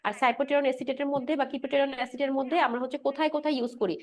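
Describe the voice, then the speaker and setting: A high-pitched woman lecturer races through a pharmacology class. She keeps asking the room questions, then answers them herself and repeats each point with a quick "right?". English drug and anatomy terms run all through her talk. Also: steady tone. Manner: mixes English medical terms into her speech. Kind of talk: explanatory lecture with quiz questions.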